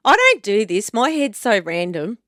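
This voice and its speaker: A woman with an Australian accent, co-hosting a podcast as an animated, teasing storyteller. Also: mid-range voice, normal speed, dry recording, clean studio sound. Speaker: podcast co-host. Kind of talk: casual chat.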